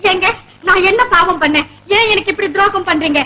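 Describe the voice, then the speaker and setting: A tearful, naive young wife. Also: female voice, extremely high pitch, fairly quick, pushed and bright, a little hiss or hum. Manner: plaintive, pleading. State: crying. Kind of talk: 1970s Tamil film comedy acting.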